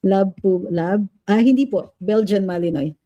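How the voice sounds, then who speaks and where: A woman's voice: mid-range voice, a little slow, warm tone. A woman with a Filipino accent hosting a casual livestream, reading viewer comments aloud and chatting between Filipino and English. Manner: switches between Filipino and English, coos at her dog. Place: home room with a fan.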